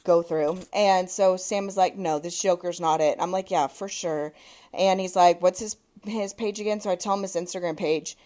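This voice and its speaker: A woman's voice: on the low side, moderate pace. A woman in her thirties, co-hosting a podcast, telling a story in casual chat with lots of swearing and quoted texts. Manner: animated, swearing, quoting texts. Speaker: podcast co-host.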